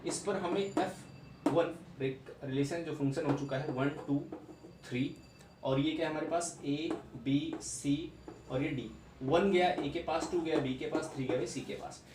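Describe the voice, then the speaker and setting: In a classroom-style lecture, a young man teaches maths, repeating key points and posing rhetorical questions to check understanding. His voice is fairly high and unhurried. The recording has an echoey room, a distant mic and background noise.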